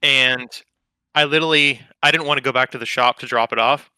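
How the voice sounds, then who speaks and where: A man's voice: mid-range voice, steady tone, fairly quick, pushed and bright, clear, resonant tone, no echo. Young man in loose, profane podcast chat. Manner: rambling, profane, laid-back. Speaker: podcast co-host. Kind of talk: casual chat.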